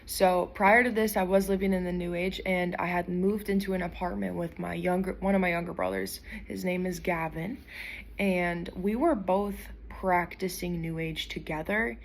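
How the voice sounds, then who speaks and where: A woman's voice: on the low side, steady tone, normal speed, creaky. A woman speaking casually to her viewers, searching for words as she shares her conversion testimony. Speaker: vlogger sharing a conversion testimony. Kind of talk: casual talking-to-camera testimony.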